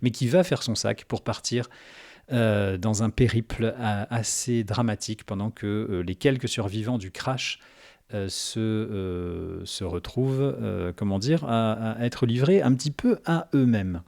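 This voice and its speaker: A man's voice: fairly low pitch, measured pace, gravelly, darkish tone. A man playing a tabletop game, chatting casually in a wry, rambling way and often interrupting himself.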